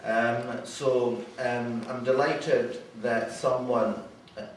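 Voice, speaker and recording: A Glaswegian man from Scotland hosts a meeting and introduces the speakers, hesitating often with ums and restarts. His medium-pitched voice is fairly even in intonation, with drawn-out words. He's far from the mic in an echoey hall, with slight background noise.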